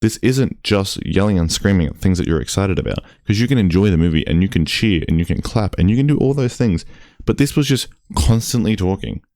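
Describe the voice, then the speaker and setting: A man's voice: sits low, lively intonation, brisk, darkish tone, no echo, clean studio sound. A young man, ranting casually in a vlog, exasperated and swearing often. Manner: exasperated, swears often, mimics crowd voices. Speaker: YouTuber.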